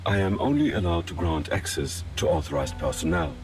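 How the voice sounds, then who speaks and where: A man voicing a malfunctioning old computer security system that repeats flat machine announcements. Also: low-pitched, brisk, music in the background. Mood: guarding.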